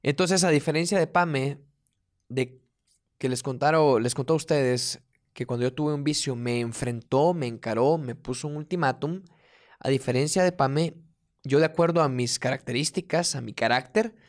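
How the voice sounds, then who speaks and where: A man co-hosting a casual conversation with his partner, explaining things calmly and listing examples. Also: medium pitch, moderate pace. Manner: calm, explanatory, lists examples. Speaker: podcast co-host.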